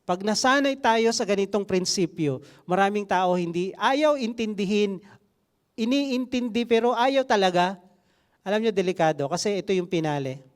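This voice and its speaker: A man's voice: high voice, lively intonation, moderate pace, clean tone. A man delivers a sermon. He tells the story with energy and keeps turning to the congregation with rhetorical questions. He moves easily between casual talk and reading scripture aloud. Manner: switches between Tagalog and English scripture reading. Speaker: preacher.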